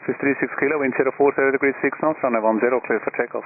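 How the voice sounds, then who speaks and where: A male air traffic controller speaks over a tinny radio channel with some static. He fires off procedural instructions extremely fast in a clipped, mid-pitched voice. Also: fairly even intonation. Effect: aviation radio.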